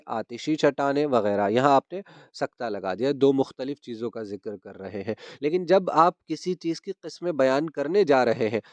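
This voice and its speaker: A man with a mid-range voice teaches a grammar lesson on punctuation, patiently repeating key terms and checking that his students follow. The recording has no echo.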